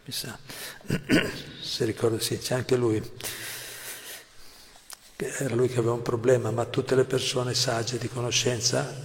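Man, devotional lecture, gravelly voice, long hall reverb, explanatory. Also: medium pitch, flat delivery, a little slow, long pauses. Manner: explanatory, asks "no?" often; clears throat often. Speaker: religious teacher.

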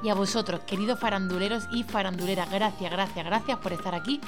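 A woman's voice: mid-range voice, fast talker, over music. A woman with an Argentine accent hosting a casual podcast interview, teasing her guest in a playful way. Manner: playful, teasing, warm slang. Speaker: podcast host.

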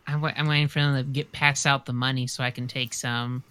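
Brash man with a very bright, sharp voice. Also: mid-range voice, level tone, brisk. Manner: brash, irreverent. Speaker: comedy podcast co-host. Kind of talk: casual, improvised comedy banter.

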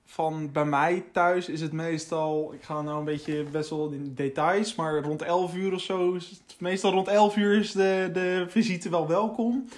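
A man's voice: a little high, steady tone, a little slow, hardly any pauses. A man from the Netherlands with a Dutch accent, telling things in a colloquial, descriptive way in a casual podcast chat. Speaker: podcast guest.

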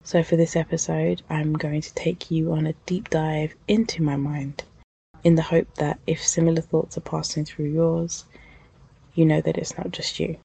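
Podcast host: low, gravelly woman, husky and croaky from a cold, candid and reflective. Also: flat delivery, normal speed, no echo. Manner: thoughtful and candid, soft breathy delivery in places. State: has a cold, sniffly.

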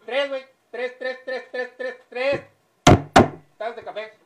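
A man's voice: very high-pitched, big pitch swings, voice pushed up, heavily acted. A man playing a rowdy, impatient café customer who bellows for the waiter and repeats words over and over. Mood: yelling impatient. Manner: shouting and repeating words rapid-fire. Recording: echoey room, mic far off, loud background noise.

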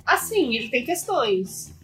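A woman co-hosting a podcast, chatting casually with opinionated, quick-reacting banter. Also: on the high side, sing-song, fairly bright tone, soft background music. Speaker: podcast co-host. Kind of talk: casual chat.

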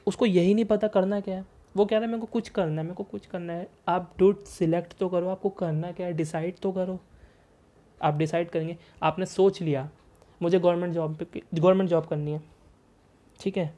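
A young man speaks in a mellow, dark-toned voice, casually advising his viewers. He often asks questions and answers them himself, and he mixes English words freely into his Hindi. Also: fairly high pitch. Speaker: vlogger giving advice. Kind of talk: casual motivational talk.

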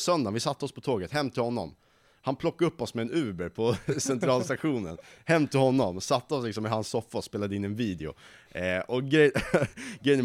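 A man's voice: lowish voice, no echo. A nineteen-year-old man, a young company founder, telling stories in a casual interview and acting out the people he quotes. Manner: lively storyteller who acts out quoted voices.

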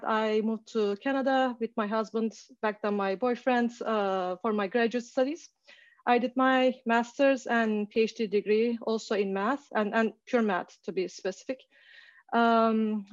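A woman's voice: on the high side, no echo. Woman from turkey in her 30s giving a casual talk over a call, lots of uh and restarts, dry muffled sound. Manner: hesitant, many fillers and restarts. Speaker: guest speaker.

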